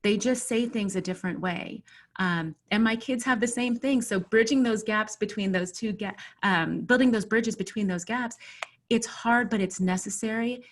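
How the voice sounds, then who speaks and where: Woman on a webinar call, earnest and measured, lots of ums, normal mid pitch. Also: a little hiss or hum. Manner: thoughtful, measured, frequent ums. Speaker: webinar panelist. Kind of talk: earnest discussion.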